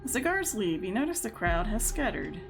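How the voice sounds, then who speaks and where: A woman reading a story game aloud, slowly, with amused asides. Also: medium pitch, very animated. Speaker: game streamer. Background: game music.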